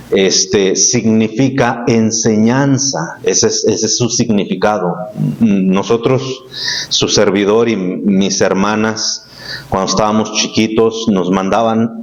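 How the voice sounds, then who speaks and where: A man's voice: fairly low pitch, darkish tone. Man preaching a casual Spanish sermon, lo-fi. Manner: plain conversational preaching, rising emphasis with repetitions. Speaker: pastor. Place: church sanctuary. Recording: dull lo-fi church recording.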